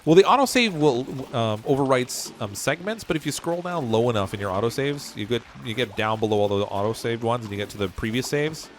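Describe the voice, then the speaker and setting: With a mid-range voice, a man gives animated, slightly fast commentary on his game stream, leaving few pauses as he thinks aloud and chuckles. A little hiss or hum is audible, and his voice is getting worn.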